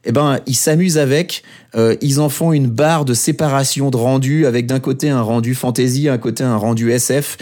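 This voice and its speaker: A man with a medium-pitched, slightly mellow voice co-hosts a casual podcast. He's enthusiastic, though he hesitates often and leans on fillers.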